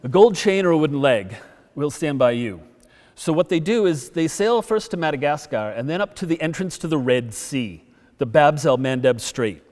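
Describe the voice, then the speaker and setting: Storytelling man lecturing in a reverberant hall. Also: fairly high pitch. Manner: lively storytelling, acts out quotes. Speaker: guest lecturer. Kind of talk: public history lecture. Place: town hall.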